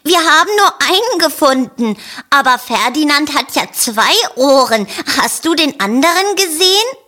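A woman's voice: high-pitched, expressive, normal speed, sharp tone, voice pushed up. A woman voicing a helpful female sheep in a storybook reading, with a bleating, chirpy delivery.

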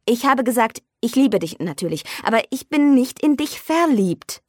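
A woman's voice: fairly high pitch, moderate pace, no room sound, clean studio sound, pitched above the performer's own voice. Woman playing a cool, detached young woman. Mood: cool, evasive. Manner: calm, quiet and evasive.

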